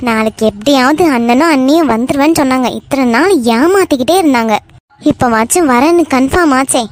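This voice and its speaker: A woman voicing a fussing middle-aged mother in an animated cartoon, nagging, with a Kanyakumari Tamil accent. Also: high voice, a little fast, faint music behind, close to an everyday voice.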